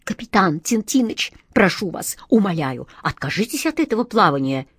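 A woman's voice: medium pitch, expressive, unhurried, a little mellow, dry recording. A woman voicing a kind, superstitious male sea captain in a storybook, earnest and pleading.

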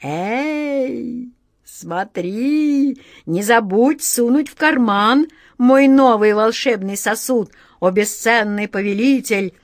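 Brief: woman reading as wheedling devoted genie, fussy, higher and louder. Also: slow, dry recording, studio quality. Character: fussy, fawning male genie servant.

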